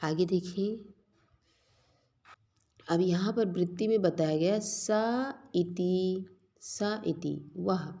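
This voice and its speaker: Woman teacher going over grammar verses, slow and patient, low voice. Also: dark tone. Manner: explains verse then restates simply. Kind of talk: slow classroom lecture.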